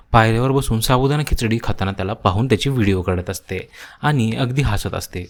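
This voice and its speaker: Male narrator for a cartoon story, steady and storytelling. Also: mid-range voice.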